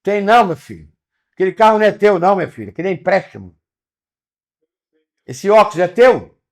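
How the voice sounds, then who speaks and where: A man leading a spiritual lesson in a fairly high, very lively voice that rises and falls sharply. He teases and questions his listeners, calling out names as he goes. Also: a little fast. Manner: animated, calls on listeners by name, rhetorical questions. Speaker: teacher of a spiritual study class.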